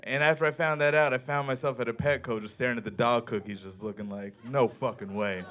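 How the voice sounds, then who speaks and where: Deadpan man doing stand-up. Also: medium pitch, quick pace. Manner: deadpan storytelling with acted-out quotes. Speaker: stand-up comedian. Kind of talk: stand-up set. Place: comedy club stage.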